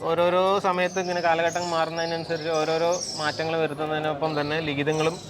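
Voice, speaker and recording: Malayali guy vlogging a temple walk outdoors, kinda high voice, explains stuff chatty. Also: completely flat delivery, quick pace, crowd noise. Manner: explanatory, conversational with restarts. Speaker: travel vlogger. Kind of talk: walking tour commentary.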